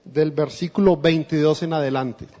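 Man, Colombian accent, guest preacher, earnest sermon, fairly high voice, long church reverb. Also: fairly even intonation, moderate pace, mellow. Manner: earnest, conversational, addresses the congregation directly. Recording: dull lo-fi recording in a reverberant church.

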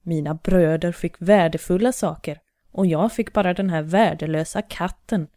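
A woman's voice: fairly low pitch, warm tone, no echo, clean studio sound, natural voice. A woman voicing a poor young miller's son who mutters his complaints in a storybook reading. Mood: sulky.

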